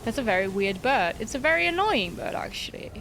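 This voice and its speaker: A young woman streams a video game and chats casually with her viewers, answering their messages and joking about her own failures in frustrated, self-mocking banter. Her voice is fairly high, sing-song, brisk and gravelly, with a noisy background.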